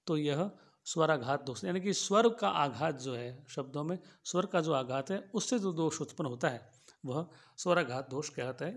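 A man's voice: fairly high pitch, gravelly. A man giving a logic lesson, explaining patiently and restating each point in simpler words with everyday examples. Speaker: philosophy teacher. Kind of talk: lecture on logic.

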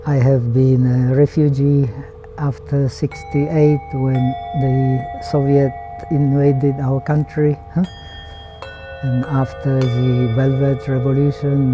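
Older male Buddhist monk, Czech accent, unhurried and even, slightly dull recording over flute music. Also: mid-range voice. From Czech Republic. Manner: slow and calm, ending thoughts with a questioning "huh?" or "hmm?". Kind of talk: reflective documentary interview.

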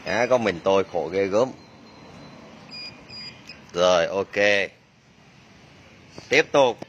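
A man's voice: low-pitched, lively intonation, extremely slow, muffled recording, slight background noise. A man working as a motorbike mechanic, demonstrating a repair and joking and exclaiming to himself as he works. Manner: chatty, jokey, exclaims under his breath.

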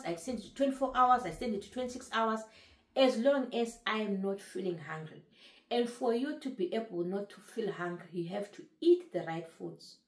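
A woman's voice: mid-range voice, reverberant. A woman in her late thirties talking casually to camera about her weight loss, earnest and repeating phrases for emphasis. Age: 30s. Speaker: vlogger sharing her weight-loss journey.

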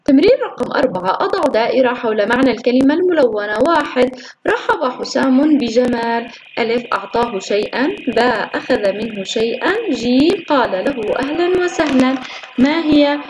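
Lady teacher, kinda high voice, slow drawn-out syllables, lots of praise for the kids. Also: expressive, background noise. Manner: slow, drawn-out syllables when sounding out words; praises often and asks pupils questions. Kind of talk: recorded classroom lesson.

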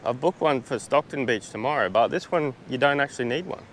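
An Australian man talks his way through a travel vlog outdoors, easygoing and rambling, full of fillers. His voice sits in a middle pitch, and a faint hum of wind and passing cars runs under it. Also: fairly quick. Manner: chatty, laid-back, with many fillers and restarts. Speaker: travel vlogger. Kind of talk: casual vlog narration. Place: outdoors on a beach. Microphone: small camera-mounted mic.

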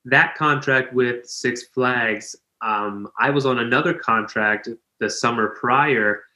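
A man's voice: medium pitch, slow pace, sharp tone, roomy sound. A man in his twenties from Pennsylvania, a professional dancer, chatting as a guest with lots of ums over a video call. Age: 20s. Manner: friendly, uses lots of ums. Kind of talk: casual interview chat. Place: indoor living room. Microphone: video call webcam.

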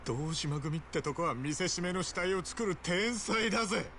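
A desperate young yakuza in a video game, rough-spoken and blunt. His voice sits high for a man. There is a faint hiss behind the game audio. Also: lively intonation, moderate pace, a bit bright. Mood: grim, pained. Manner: rough, blunt street speech. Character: desperate young male yakuza, gruff and cornered.

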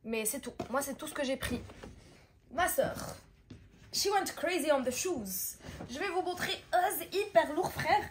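A woman's voice: high voice, lively intonation, unhurried, slight background noise. A young woman chatting casually through a shopping haul vlog and mixing languages as she talks. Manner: chatty, switching between languages mid-sentence. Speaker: vlogger.

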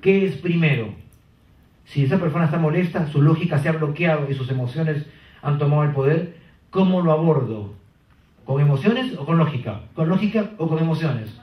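A man with a Peruvian accent giving a lively sales-training seminar, quizzing the audience as he goes. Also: fairly high pitch, normal speed. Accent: Peruvian Spanish. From Peru. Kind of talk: live motivational seminar talk. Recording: roomy, distant, dull seminar hall.

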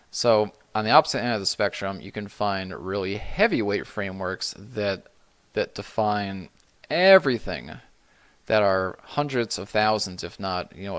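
A middle-aged man hosting a live stream, answering viewer questions in a relaxed, rambling way with many restarts. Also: on the low side. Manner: relaxed, rambling, frequent restarts and "you know". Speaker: livestream host answering chat questions.

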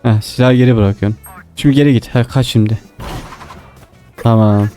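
A man's voice: mid-range voice, steady tone, moderate pace, dark tone, soft background music. A young man chatting casually while gaming, giving short, repeated, bossy instructions. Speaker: gamer leading pranks in online matches.

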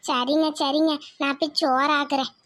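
A woman's voice: high voice, fairly even intonation, moderate pace, a bit bright. A woman voicing several village women in a cartoon series, talking in emotional, pleading dialogue.

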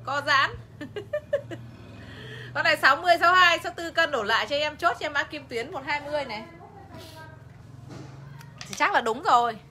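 A woman's voice: high-pitched, brisk, long pauses, sharp tone, a little hiss or hum. A woman selling clothes on a livestream, chatty and talking straight to her viewers. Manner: chatty, addresses viewers directly, laughs often. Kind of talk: live sales pitch.

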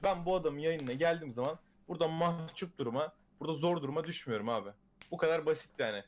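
A man's voice: fairly high pitch, quick pace. A man chatting casually as a guest on a stream, speaking earnestly with many fillers.

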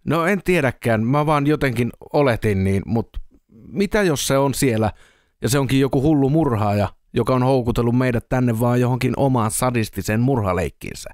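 A man voicing a nervous young male drunk who frets and worries out loud in an audiobook. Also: mid-range voice, no room sound, clean studio sound, voice pushed up, natural voice. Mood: anxious. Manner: anxious, fretful.

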